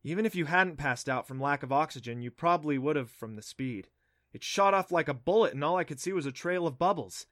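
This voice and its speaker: A man's voice: a little high, expressive, a little fast, a bit bright, no room sound, clean studio sound. A man reading a story, voicing a smug, teasing teenage girl with a self-assured, taunting manner. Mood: excited.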